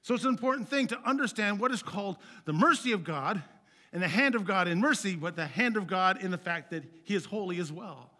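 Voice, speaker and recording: A male pastor preaching a sermon in an earnest, conversational way, swinging from loud emphatic peaks to quiet, low phrase endings. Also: expressive, fairly quick.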